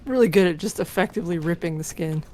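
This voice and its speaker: A woman joining a game stream, chatting casually in a lower register. She muses aloud and thinks things through as she talks. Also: fast talker, warm tone. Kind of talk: casual chat.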